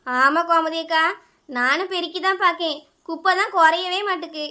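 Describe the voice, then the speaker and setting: A high, piercing voice with a Kanyakumari Tamil accent belongs to a quarrelsome village neighbour, played by a woman. She scolds and complains without pause. Her tone is bright and sharp. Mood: complaining.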